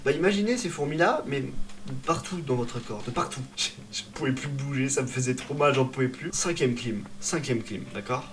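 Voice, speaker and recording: A man's voice: medium pitch, expressive, normal speed. A young man telling a personal story in a comic vlog style, dramatic, exaggerated and self-mocking. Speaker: vlogger.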